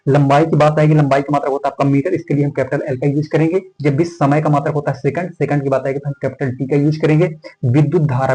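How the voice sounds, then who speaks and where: A man's voice: mid-range voice, dark tone, poor audio. A male physics teacher lecturing at a board, asking and answering his own questions and starting nearly every sentence with "okay". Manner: filler "theek hai" starting most sentences.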